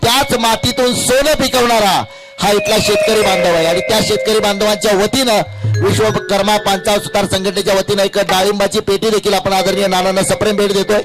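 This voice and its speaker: A man's voice: sits high, steady tone, a little fast. Brief: man, event announcer, formal speech with honorifics, music behind. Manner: rhetorical, honorific. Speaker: stage announcer.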